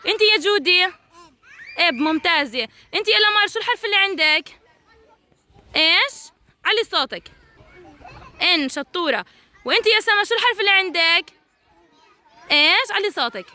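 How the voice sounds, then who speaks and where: Very high-pitched, lively woman teacher. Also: fast, long pauses, some chatter behind. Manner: energetic, encouraging, calling out to children. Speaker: preschool teacher. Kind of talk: leading a children's letter game.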